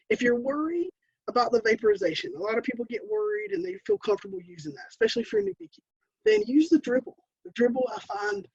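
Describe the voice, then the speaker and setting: A woman's voice: a little high, creaky, darkish tone, breathy edge, no echo, lo-fi sound. An American woman giving a chatty, explanatory webinar presentation on beekeeping, with light self-deprecating asides. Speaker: beekeeping educator.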